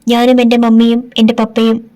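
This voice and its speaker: A woman's voice: a little high, completely flat delivery, normal speed, natural voice. Woman reading as a firm, defiant young daughter. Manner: quiet, firm, accusing.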